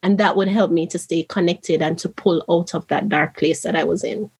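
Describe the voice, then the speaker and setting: A woman's voice: lowish voice, steady tone, normal speed, darkish tone, slightly rough. A woman from Jamaica, an interview guest and author, telling her story in an earnest, reflective way. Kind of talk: conversational interview.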